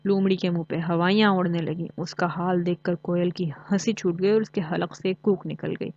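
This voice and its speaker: A woman narrating a children's bedtime story in a calm, even storytelling manner. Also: on the low side, moderate pace, dull audio.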